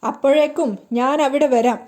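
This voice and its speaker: A woman's voice: high voice, steady tone, moderate pace, darkish tone, close to an everyday voice. A woman voicing a vengeful man who taunts and threatens over the phone in a serial recap, in her own narrating voice. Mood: taunting.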